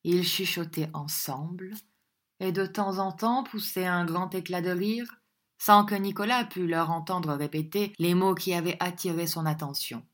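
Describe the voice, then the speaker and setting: A woman reads a classic novel aloud, her voice sitting on the low side. She narrates steadily and with measure, letting the long sentences unfold evenly. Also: measured pace. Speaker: audiobook reader.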